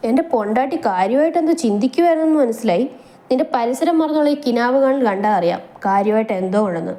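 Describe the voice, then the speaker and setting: A woman's voice: fairly high pitch, animated, fast, warm tone. Woman voicing a teasing young husband. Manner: teasing, scolding.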